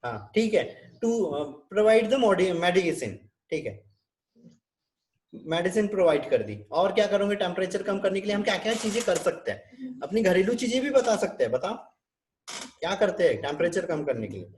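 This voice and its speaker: A man's voice: sits high, big pitch swings, a little fast, darkish tone. A man with an Indian accent teaching a nursing class over a video call, often checking with his students and mixing in English terms. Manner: switches between Hindi and English. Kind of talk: online class lecture.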